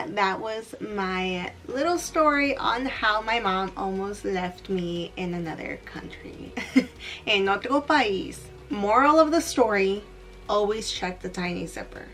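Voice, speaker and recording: A woman's voice: medium pitch, takes it slowly, soft background music. Woman telling a storytime vlog. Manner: animated, laughing, switching into Spanish. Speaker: beauty vlogger. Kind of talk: get-ready-with-me storytime.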